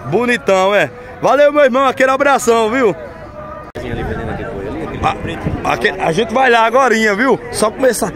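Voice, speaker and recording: A chatty man with a Northeastern Brazilian accent, speaking in a fairly high voice while he walks through an open-air cattle market. He keeps up an upbeat, friendly patter with sellers and viewers. A loud, busy crowd murmurs all around him. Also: animated, normal speed, long pauses. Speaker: vlogger touring a cattle market. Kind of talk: casual walk-around vlog with interviews. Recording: loud crowd noise outdoors.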